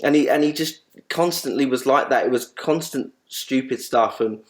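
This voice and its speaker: A man recalling a friend in a loose, halting interview answer, full of restarts and false starts. His voice sits at an ordinary middle pitch, and he livens up when he retells funny moments. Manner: rambling, halting with many restarts. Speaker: guest. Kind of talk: reminiscing in an interview.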